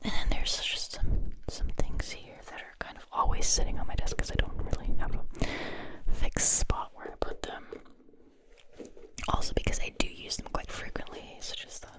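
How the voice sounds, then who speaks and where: A woman speaks in a breathy, unvoiced whisper very close to the mic, moving ear to ear. It is casual ASMR chat addressed to viewers, soft and intimate in delivery. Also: normal speed. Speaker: ASMR video creator and host. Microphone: close-up microphone, ear to ear.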